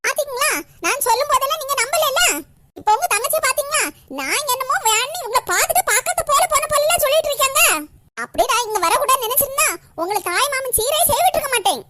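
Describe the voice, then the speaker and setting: A woman's voice: extremely high pitch, animated, fast, heavy background noise. A woman with a Kanyakumari Tamil accent putting on a haughty sister-in-law in a cartoon, who complains and snipes. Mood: complaining. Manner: complaining, spiteful.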